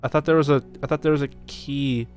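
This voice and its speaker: A man's voice: mid-range voice, steady tone, fast, faint music behind. A young man playing a visual novel game, reading its text aloud and chatting, with stammering restarts and casual swearing. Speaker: gaming streamer. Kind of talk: let's play commentary and reading aloud.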